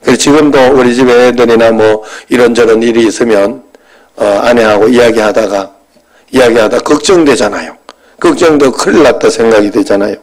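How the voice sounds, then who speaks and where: With a mid-range voice, a pastor in his fifties gives a sermon built around a personal story told in a chatty way. He shifts from loud bursts to quiet asides, and the sound quality is poor.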